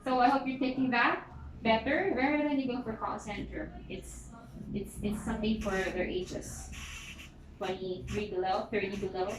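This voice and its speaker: A woman's voice: medium pitch, normal speed. A woman in her thirties with a Filipino accent, interviewing someone in a casual, chatty and directive way. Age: 30s. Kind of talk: casual job interview chat. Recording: echoey noisy room.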